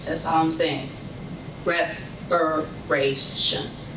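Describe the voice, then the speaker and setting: A woman's voice: low-pitched, steady tone, normal speed. A middle-aged woman in a police interview, talking in angry, defiant slang and demanding what she is owed. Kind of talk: interrogation-room talk. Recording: echoey room from far off, noisy.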